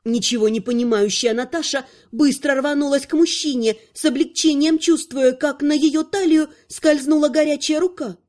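A woman giving a scripted narration of a fantasy story in an even, expressive reading. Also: sits high, normal speed, hardly any pauses.

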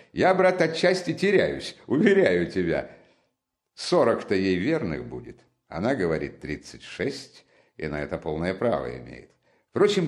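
A loud, excitable young chatterbox, as a man puts him on for an audiobook, his voice jumping high and swinging all over as he teases and boasts. His talk is quick and animated, friendly and full of himself. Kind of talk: audiobook character reading.

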